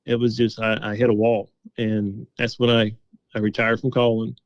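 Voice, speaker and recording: In a dull-sounding recording with no echo, a middle-aged man who crafts game calls chats with an interviewer. His voice is lowish and even, his pace moderate, and his storytelling relaxed and homespun, full of remembered conversations quoted back as dialogue.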